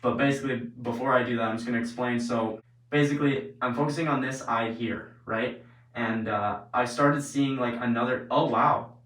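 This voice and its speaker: A man's voice: mid-range voice, fairly even intonation, moderate pace, fairly bright tone, far from the mic. A man hosting a vlog, chatting casually and informally as he explains things, often saying "like" and "basically". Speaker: host of an experiment video series. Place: indoors, later in an echoey bathroom. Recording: roomy echo.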